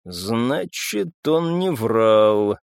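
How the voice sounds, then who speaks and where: A man voicing a gruff older male gang boss with a hoarse, shouting manner. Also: sits high, big pitch swings, slow pace, no room sound, clean studio sound, voice pushed up, exaggerated voice. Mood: slow, grim.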